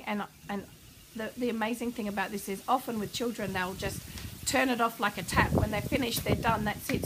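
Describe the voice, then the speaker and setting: Woman parenting coach, fairly high voice, calm warm advice, faint noise behind. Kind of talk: answering a viewer question.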